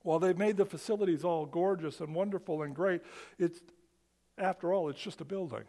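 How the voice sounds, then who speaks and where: A man preaching a sermon, with quick rhetorical questions and humorous asides, dropping to a hush on key words. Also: sits high. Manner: rises and falls for emphasis, drops to a hush on key words. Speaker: pastor.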